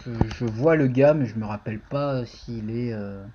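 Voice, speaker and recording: A man's voice: mid-range voice, normal speed, mellow, muffled recording, a little hiss or hum. A man streaming a casual live-coding tutorial, thinking aloud and talking to viewers in the chat.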